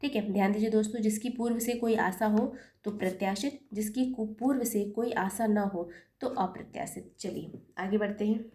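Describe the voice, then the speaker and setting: A woman's voice: mid-range voice, steady tone, normal speed, warm tone. A woman teaching an exam-prep lesson, patiently spelling out corrections step by step and correcting her own slips as she goes. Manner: self-correcting, apologizes for slips. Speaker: Hindi teacher.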